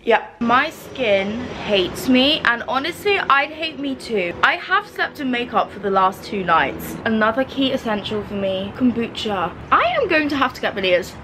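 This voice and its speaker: A woman's voice: a little high, lively intonation, normal speed, hardly any pauses, background noise. A hungover woman in her early twenties chatting casually to camera in a scatty, playful, gushing way with lots of slang. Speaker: vlogger.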